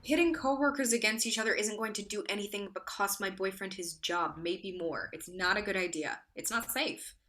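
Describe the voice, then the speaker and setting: An actress voices a worried young woman, a sharp-tongued girlfriend, at a play reading, and the mood is tense. Her mid-range voice is a bit bright and natural, at a moderate pace with hardly any pauses, as she delivers curt, insistent, pointed lines.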